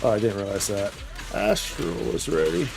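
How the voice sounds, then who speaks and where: A fairly low, gravelly male voice, animated and at a moderate pace, narrates a livestreamed game session. He's casual and full of slang, addressing the game and his audience as "dude" and "boy" while game music plays.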